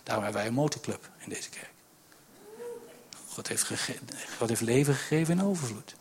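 A man preaching a lively sermon, acting out quotes and joking with the congregation. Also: medium pitch, moderate pace. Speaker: pastor.

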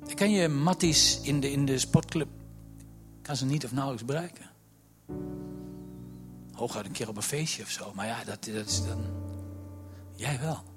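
A man preaching a sermon in an animated way, dropping to a hush and then rising to near shouts as he acts out the story's voices. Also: medium pitch, moderate pace, long pauses, over music. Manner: animated, swings from hushed to loud, acts out voices of God and Moses.

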